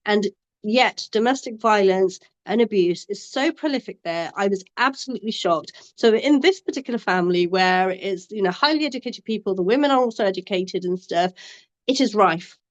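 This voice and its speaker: In a passionate discussion, a Bangladeshi domestic abuse support worker speaks with emphasis and earnestness, frequently restarting phrases. Her medium-pitched voice is animated at normal speed, and the recording has its highs cut off.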